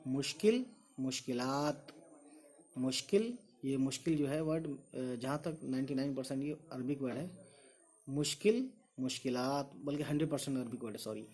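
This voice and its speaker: A man's voice: medium pitch, expressive, moderate pace, darkish tone. A man teaching an online language lesson, drilling singular and plural word pairs by repeating each one and calling his viewers guys. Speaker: Urdu teacher.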